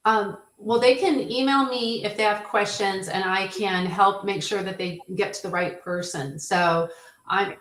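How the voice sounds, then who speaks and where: A woman's voice: mid-range voice, steady tone, a little slow, a bit bright. A woman with a mid-range voice speaks as a webinar guest, friendly and reassuring in a sales kind of way. Her voice rings in a roomy echo on a video call. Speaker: strategic accounts manager.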